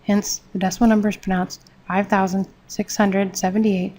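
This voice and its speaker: A woman teaching a math lesson, reading textbook steps in a steady, measured way. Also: medium pitch, poor audio. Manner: steady, measured, step-by-step explanation.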